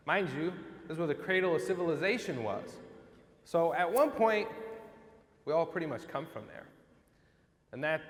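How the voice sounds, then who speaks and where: A man's voice: on the high side, long reverb tail. A young man from Iraq giving an upbeat motivational talk to a school audience, coaxing them to respond. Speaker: guest speaker. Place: school assembly hall.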